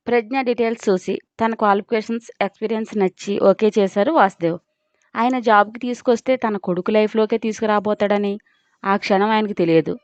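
A woman storyteller giving a steady, expressive scripted story narration. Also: mid-range voice, no echo. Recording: dull lo-fi dry recording.

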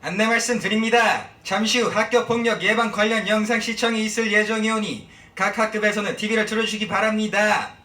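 A man serving as school announcer makes a formal announcement over a school PA loudspeaker in a polite, measured tone. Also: high voice, fairly even intonation, soft background music. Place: school classroom. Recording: echoey loudspeaker heard from far off.

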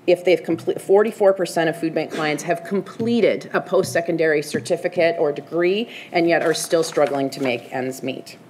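Female delegate, low-ish voice, earnest prepared presentation, faint room hum behind. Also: moderate pace, few pauses, darkish tone. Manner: earnest, informative. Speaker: food bank executive director presenting as a delegate. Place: council chamber. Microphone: podium microphone.

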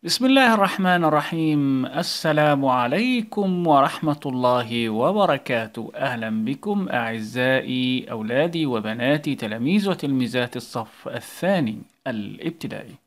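A man's voice: medium pitch, expressive, normal speed, few pauses. A male English teacher with an Egyptian Arabic accent, giving a recorded lesson to young children and calling out words for them to repeat. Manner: coaxing, calls out English words for the class to repeat.

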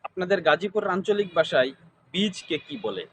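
High voiced guy asking repeat questions, faint outdoor noise. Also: brisk, a bit bright. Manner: repetitive, formulaic questioning. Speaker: interviewer. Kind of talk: interview questions.

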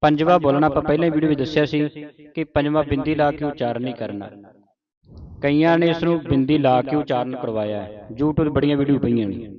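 A man leads a recitation class, his voice sitting a little high as he sounds out each verse slowly and corrects how words should be said. The recording is dull and lo-fi, with a group of learners audible around him. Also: crowd noise. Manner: slow, careful syllable-by-syllable recitation with corrections. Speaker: Gurbani pronunciation teacher. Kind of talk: scripture recitation lesson.

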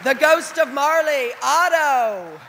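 A woman in her thirties stands at a podium mic on a large theater stage before a big audience, introducing the cast and calling out names with emphasis. Her high-pitched voice is animated but unhurried. The hall is echoey, with audience noise and a cheering crowd.

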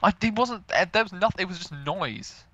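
A young man with a bright, sharp tone and a slightly raised pitch jokes his way through an online shooter match. He talks casually and sarcastically into a headset, with a faint hiss of noise underneath. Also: expressive, a little fast, lo-fi sound. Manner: joking, giggly, sarcastic. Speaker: gaming commentator. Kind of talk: casual gameplay chat.

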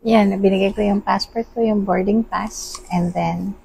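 Teasing Filipino woman with vocal fry. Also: medium pitch, fairly even intonation, measured pace, mellow, slight background noise, rough recording. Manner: teasing, asks questions. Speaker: travel companion. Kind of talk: casual chat. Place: airport departure area.

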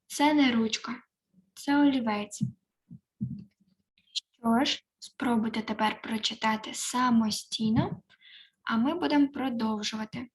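Lady korean teacher, slow and careful, says each word twice, voice a bit high. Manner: repeats each word slowly and clearly. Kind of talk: online language lesson.

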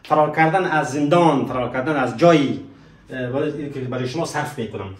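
A man teaching a French lesson, slowing right down on example phrases and asking students to repeat them. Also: medium pitch, recorded from a distance. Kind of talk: spoken language lesson with slow example phrases. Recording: roomy echo, voice from off the mic.

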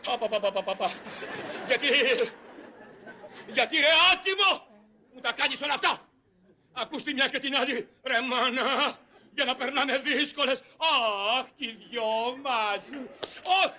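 An actor playing a frustrated, lustful husband in a stage comedy, shouting and pleading in a gravelly voice. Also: male voice, very high voice, long pauses, some chatter behind, full character voice. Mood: lovesick. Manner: pleading and bawdy. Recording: live stage recording with audience.

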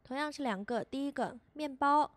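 A woman's voice: high voice, dry recording. Patient teacher woman, dry close voice. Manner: patient, repeats each syllable slowly for learners. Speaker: language teacher. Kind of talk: scripted lesson voice-over.

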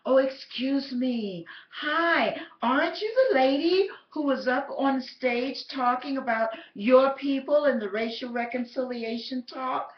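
Woman doing an overly polite lady stranger, high and slow, sugary. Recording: roomy, slightly dull.

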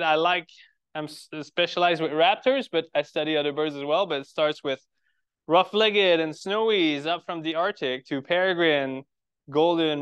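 Speaking in a fairly bright, smooth voice on the high side, a Quebec man in his forties delivers a friendly birding-club lecture in a lecture room. He's a biologist giving a public talk with a French-Canadian accent, and he often restarts phrases and asks rhetorical questions.

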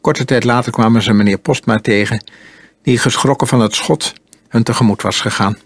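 A man narrating an audiobook in a calm, measured storytelling manner. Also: mid-range voice, husky, no room sound. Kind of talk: audiobook reading.

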